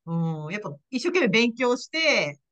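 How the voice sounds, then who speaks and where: A woman's voice: a little high, sing-song, moderate pace, fairly bright tone, lo-fi sound. A woman hosting a podcast interview in casual chat, often nodding along with short agreements and laughing. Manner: frequent nodding backchannels and laughter. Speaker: podcast host, ICU nurse.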